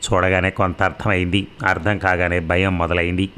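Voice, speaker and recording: A man narrating a story in a measured, dramatic way. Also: sits low, little pitch movement, pushed and bright, clear, resonant tone.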